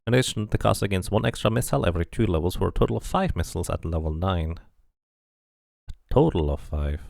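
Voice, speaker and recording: Here a streamer narrates his gameplay in a low voice with vocal fry, captured as a dry, clean studio recording. His commentary is casual: he thinks out loud while playing and reads out pieces of in-game text.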